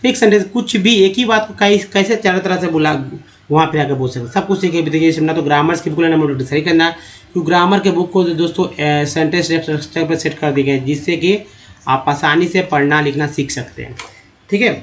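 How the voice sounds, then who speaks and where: Man slowly sounding out English vowels. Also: a little high. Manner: explains step by step, repeats words slowly, addresses viewers as friends. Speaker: English teacher. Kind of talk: Hindi-language pronunciation lesson.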